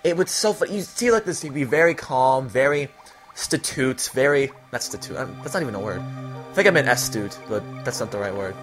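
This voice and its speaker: A man's voice: medium pitch, animated, a little fast. Rambling young man over game music. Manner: rambling, laughing storytelling. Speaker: gamer. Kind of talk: casual commentary while playing a video game. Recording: faint game music behind.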